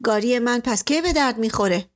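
A woman's voice: fairly high pitch, animated, natural voice. A woman voicing a practical young village man who speaks plainly and decisively.

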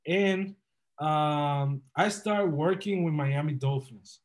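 A man's voice: a little high, slow pace. Upbeat young man. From Dominican Republic. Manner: earnest, upbeat, motivational storytelling. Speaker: guest entrepreneur. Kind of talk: casual podcast interview.

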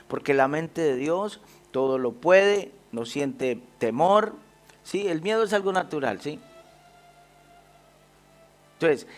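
A man with a slightly high voice preaches a sermon in an emphatic style. He keeps asking the congregation rhetorical questions. Soft music plays faintly behind him. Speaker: pastor.

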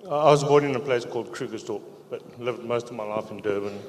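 A middle-aged man sharing his testimony in church, speaking quietly with halting pauses and restarts. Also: medium pitch, slight background noise. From South Africa. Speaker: church member giving testimony. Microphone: handheld microphone. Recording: echoey church hall.

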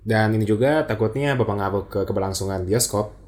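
A man's voice: lowish voice, brisk, a little mellow. A young man with an Indonesian accent and a slightly slurred r, chatting casually about films as a co-host and mixing in English phrases. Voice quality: slurred r, a slight speech impediment. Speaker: podcast co-host.

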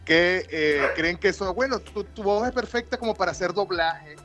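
A man with a fairly high voice hosts a relaxed podcast conversation. He winds his way through long, joking questions. Faint music plays beneath him. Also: normal speed. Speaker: podcast host.

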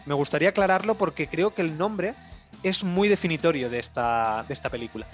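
A man chats on a casual film podcast in a fairly high voice. He talks hesitantly, as if thinking aloud, with soft music faintly behind him. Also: expressive, a little fast. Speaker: podcast co-host.

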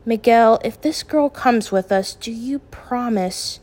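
A fretful, protective middle-aged mother from a storybook, read by a woman. She sounds worried and quick to object. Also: fairly high pitch, darkish tone, voice pushed up.

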